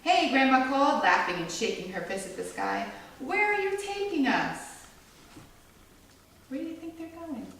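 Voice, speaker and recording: A woman reads a children's story aloud expressively, with some creak, big pitch swings, a moderate pace and a fairly bright tone; her voice needn't be low-to-average in pitch. The mic is far from her across a very echoey room, with faint background noise.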